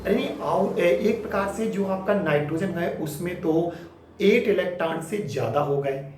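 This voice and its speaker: A man teaching chemistry to students, explaining each step patiently and checking understanding with quick questions. His voice sits a little high and sounds very echoey, picked up from a distance with a faint hum of ambience behind it. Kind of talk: classroom lecture. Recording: echoey room, mic set back, faint ambience.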